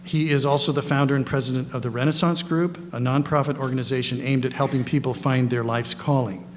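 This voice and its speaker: A man's voice: mid-range voice, fairly even intonation, fast. A man hosting a lecture event, giving informal, partly read introductions in a rambling, self-correcting way with folksy asides. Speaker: lecture host introducing guest panelists. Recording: echoey hall, clear background noise and hum.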